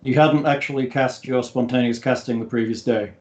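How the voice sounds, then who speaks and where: A man's voice: medium pitch, fairly even intonation, fairly quick, lo-fi sound. A man acting as game master, talking casually with players through a tabletop game.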